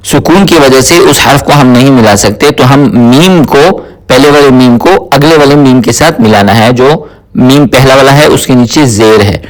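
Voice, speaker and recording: A man teaching tajweed word by word, slowly explaining rules and repeating each word several times in a chanted recitation. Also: mid-range voice. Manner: spoken explanation alternating with melodic chanted recitation. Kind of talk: word-by-word tajweed pronunciation lesson.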